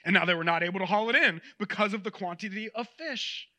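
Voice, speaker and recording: A man delivers a sermon in a conversational, animated style. He speaks straight to his listeners. His voice is very high-pitched and strikingly bright. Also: fast talker. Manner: conversational and animated, addresses the audience directly. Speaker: preacher.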